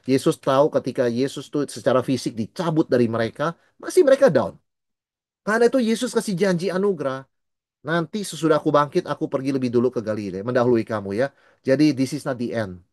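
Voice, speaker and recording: A middle-aged man teaches scripture as a pastor, with a voice at a middle pitch that swings up and down in an animated way. He slips English words into his talk and briefly acts out the people he quotes. The sound is dry, with no room echo around him. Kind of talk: Bible study teaching.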